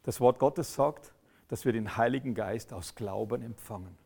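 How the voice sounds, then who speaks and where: Gravelly German-speaking preacher man. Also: medium pitch, normal speed. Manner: emphatic, swings from loud outbursts to quiet intensity. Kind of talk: sermon.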